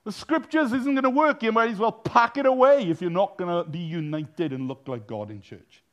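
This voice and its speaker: A male minister preaching a sermon in a blunt, animated way, teasing his congregation and breaking into sudden loud bursts. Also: sits high, normal speed.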